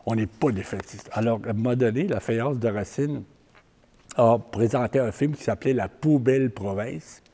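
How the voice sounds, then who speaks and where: An older man with a Québécois accent giving a public talk, plain-spoken and halting, often repeating words as he tells stories. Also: medium pitch, mellow, husky. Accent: Québécois French. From Quebec. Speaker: community organizer giving a talk.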